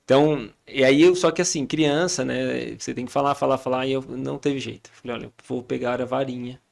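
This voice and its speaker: A man's voice: mid-range voice, steady tone, a little fast, vocal fry. A man in his thirties with a Brazilian Portuguese accent, a podcast guest telling stories about raising his kids and acting out the family's back-and-forth. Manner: storytelling, acting out family dialogue. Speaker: podcast guest, father and church leader. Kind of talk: casual chat.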